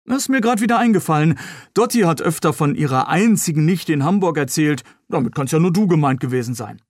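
A friendly young man who jokes his way through a muddy rescue, read aloud by a man. His voice sits a little high and sounds close and dry, like a storybook reading. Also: lively intonation, fast, darkish tone, dry recording. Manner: cheerful, joking. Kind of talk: read-aloud novel dialogue.

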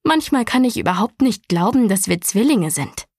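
A woman's voice: a little high, animated, normal speed, a little mellow, husky, no room sound, clean studio sound. A woman voicing a strict, bossy young girl who insists and lectures her twin brother. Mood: scornful.

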